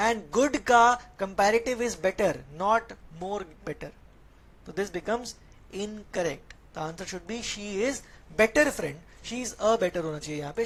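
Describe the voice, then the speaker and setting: A woman with an Indian accent teaching English grammar in an online class, switching between Hindi and English and putting questions to her students. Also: mid-range voice. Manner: explaining patiently, asking students questions and reading their chat.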